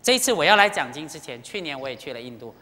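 A Buddhist teacher preaching in a temple with an expressive, swooping delivery and a bright, forceful tone. The talk is full of emotional storytelling and direct appeals to the listeners. The voice carries a long reverb from the hall. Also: medium pitch, very fast. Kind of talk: sermon.

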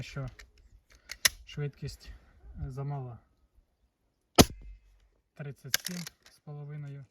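Plain-spoken man testing an airgun. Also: medium pitch. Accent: Ukrainian. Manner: matter-of-fact, reads out chronograph numbers. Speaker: airgun vlogger. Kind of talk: casual hands-on testing talk. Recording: distant mic with noisy background.

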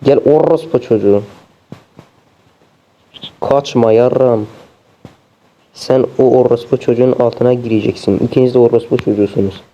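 A man's voice: mid-range voice, normal speed, long pauses, mellow. Foul-mouthed exasperated male gamer, dull audio. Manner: constant swearing, exasperated. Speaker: gameplay streamer. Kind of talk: let's play commentary. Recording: dull lo-fi sound.

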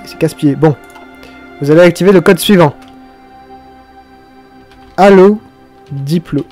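Young male tutorial host, chatty and profane, slightly high and mellow, faint music under him. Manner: chatty, swears, mock-dramatic outbursts. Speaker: video game tutorial host. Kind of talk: casual screen-recorded game tutorial.

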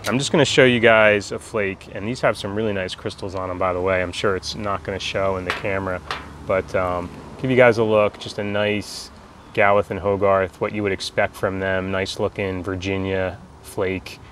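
Low-voiced American man, casual outdoor chat. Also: flat delivery, moderate pace. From United States. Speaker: pipe tobacco reviewer. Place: outdoors in a backyard garden. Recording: outdoor ambient background noise.

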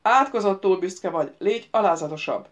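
A woman voicing an unseen, imperious male voice that questions and mocks a prince in a loud, commanding way. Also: mid-range voice, expressive, lightly acted.

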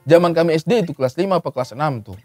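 A man telling a childhood story in casual chat, animated and quick to laugh. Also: fairly high pitch, dry recording, soft background music. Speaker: podcast co-host.

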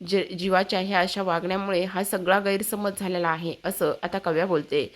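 A woman retelling a TV serial episode for her viewers, in a steady storytelling manner with many fillers. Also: lowish voice, normal speed. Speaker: serial recap narrator.

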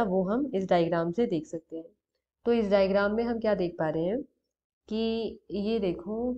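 Mellow-voiced woman explaining a lesson. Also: mid-range voice. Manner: explanatory, mixes English terms into Hindi, pauses to check. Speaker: economics teacher. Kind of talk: explaining lecture over a diagram. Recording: dull lo-fi recording.

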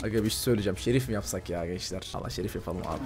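A man giving live gameplay commentary as a gaming YouTuber, excitable and slangy, ranting at opponents and talking straight to his viewers. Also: lowish voice, very fast, gravelly, background noise. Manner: excitable, rants and banters at opponents.

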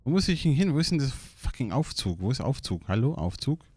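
A young man giving casual, excitable gaming commentary, swearing and laughing often as he plays. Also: medium pitch, brisk, slightly rough, no echo. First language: German. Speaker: let's play gamer.

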